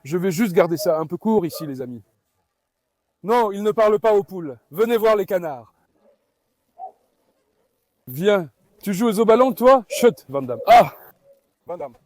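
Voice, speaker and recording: A man's voice: sits high, expressive, a little slow, pauses often, darkish tone. A man vlogging on his farm, chatting to viewers and calling and coaxing his dogs. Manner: coaxing, calls to the dogs while talking to viewers. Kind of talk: casual vlog commentary.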